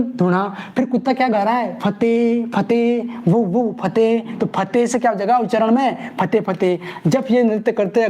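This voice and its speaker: Playful male teacher, high soft voice. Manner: playful call-and-response, repeats each key word with mnemonic stories. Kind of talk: live online exam-prep class.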